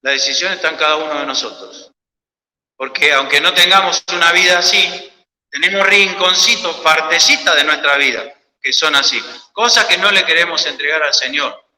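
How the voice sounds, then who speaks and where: A man with an Argentine Spanish accent preaches with fervor, his voice high and piercingly bright. He swings between loud cries and near-whispered pleading. The sound carries the roomy, long reverb of a church hall. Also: normal speed. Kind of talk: sermon.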